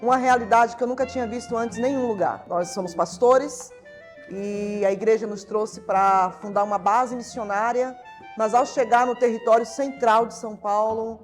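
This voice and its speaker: A woman's voice: fairly high pitch, steady tone, moderate pace, faint music behind. A woman pastor, giving an earnest, reflective testimony. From Salvador, Bahia, Brazil. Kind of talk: documentary testimony.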